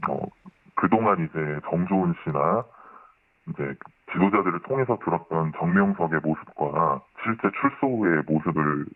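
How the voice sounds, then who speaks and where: A man with a digitally disguised deep voice, answering a radio interview anonymously in a polite, formal, explanatory way. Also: expressive, moderate pace. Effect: voice disguised, pitched down by modulation. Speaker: anonymous interviewee, former member of a religious group. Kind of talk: radio news interview testimony. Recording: muffled band-limited sound, roomy echo.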